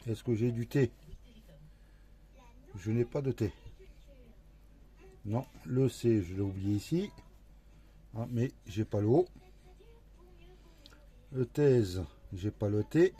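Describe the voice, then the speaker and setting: A scratch-card vlogger with an animated, mellow, medium-pitched voice comments casually to himself while scratching a lottery ticket. He goes slowly, talking to himself as he works through it letter by letter.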